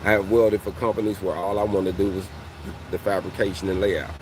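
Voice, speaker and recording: Speaking a little fast in a low voice with little pitch movement, this forties-aged welding channel host chats conversationally to his "fam," peppering in "you know what I mean" as he motivates them. Background noise is audible.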